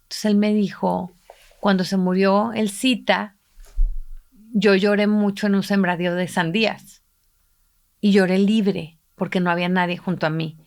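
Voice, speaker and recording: A woman's voice: medium pitch, flat delivery, unhurried, vocal fry. A middle-aged woman, telling a personal story in an intimate podcast conversation and voicing the people she quotes. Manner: emotional, reflective, voices quoted people while retelling. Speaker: podcast co-host, mother.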